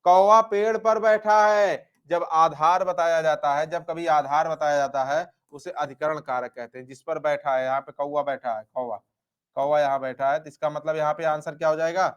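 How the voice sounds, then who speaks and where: A male Hindi grammar teacher works through exam questions in a clear, resonant voice that sits on the high side, with a steady tone and moderate pace. He repeats each answer, asks "क्या?" and then answers himself, and calls his students affectionate nicknames.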